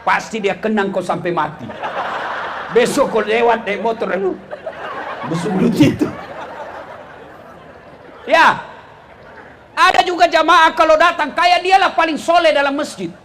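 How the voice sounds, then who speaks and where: A man delivering a humorous sermon with an Indonesian accent, telling stories and shouting punchlines to a live audience. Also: very high-pitched, a little slow, long pauses, background noise. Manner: animated storytelling, shouting punchlines. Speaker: preacher.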